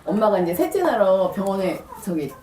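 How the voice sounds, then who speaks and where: A woman's voice: mid-range voice, big pitch swings, a little fast. A woman chatting reflectively, restarting her thoughts as she explains. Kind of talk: casual chat. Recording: echoey room, distant mic, crowd behind.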